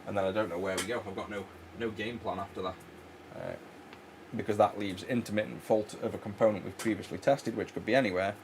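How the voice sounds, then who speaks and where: A man's voice: on the low side, steady tone, quick pace, background noise. A man chatting casually while repairing electronics, rambling with many fillers and restarts. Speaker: electronics repair channel host. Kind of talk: casual chat while working.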